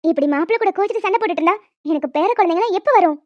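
A woman voicing a young wife and other women of a family in an animated story, with quick, expressive delivery. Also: very high voice, no room sound. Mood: emotional chat. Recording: dry, dull lo-fi home mic.

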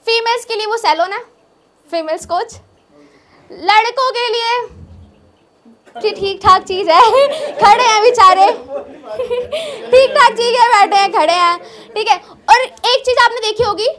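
A young female stand-up performs observational, conversational material on a small indoor open-mic stage with a handheld mic. She speaks a little slowly in a very high, slightly bright voice, repeating phrases to drive points home.

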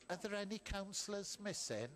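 A man chairing a council meeting as mayor, talking haltingly and repeating himself, into a desk microphone in a council chamber. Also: high-pitched, fairly bright tone. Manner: hesitant, halting, repeats words.

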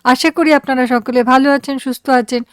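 A woman storyteller reading a humorous literary story aloud in a measured, gently wry way, close to the mic. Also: high-pitched, fairly even intonation, clean tone, dry recording.

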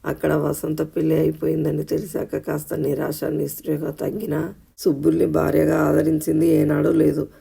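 A man narrating an audio short story in a steady, scripted reading voice. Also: on the high side, moderate pace, creaky, slightly rough.

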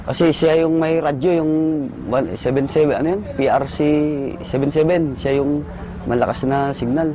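A man, a soldier, recalling a firefight in short halting bursts and military jargon. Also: on the high side, steady tone, background noise. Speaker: soldier recounting combat. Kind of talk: casual spoken recollection.

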